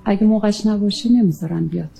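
A woman recounting a near-death experience in an earnest, halting way, often pausing with fillers. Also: medium pitch, vocal fry, mellow, faint music behind. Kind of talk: emotional personal testimony.

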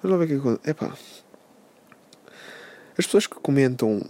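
A young man hosting a podcast, ranting casually in a sarcastic, profane, animated way. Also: mid-range voice, moderate pace. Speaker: podcast host.

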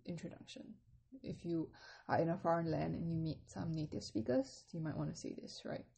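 A woman with a low, mellow and somewhat husky voice gives a podcast language lesson. She explains patiently in English and models each phrase slowly, in a careful staccato. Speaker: Mandarin teacher.

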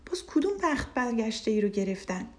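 A woman's voice: fairly high pitch, sing-song. A woman narrator voicing a kind, clever old village man in a children's story, earnest and pleading. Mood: worried.

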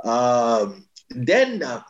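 Male interview guest, branding expert, mid-pitched, emphatic and advising, restarts often. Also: big pitch swings, very slow, lo-fi sound. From East Africa. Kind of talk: explanatory interview talk.

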